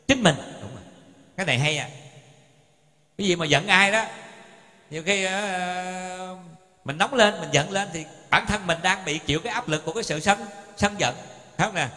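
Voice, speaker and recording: A man's voice: high voice, pushed and bright. A male Buddhist monk gives a sermon, telling stories in a folksy way and speaking straight to his listeners. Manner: folksy storytelling, addresses the audience directly. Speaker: Buddhist monk teaching the Dharma. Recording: long hall reverb.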